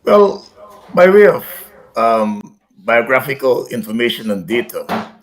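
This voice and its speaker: A Guyanese man in his seventies, a retired army officer, giving formal, measured interview answers over a video call. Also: mid-range voice, big pitch swings, rough recording.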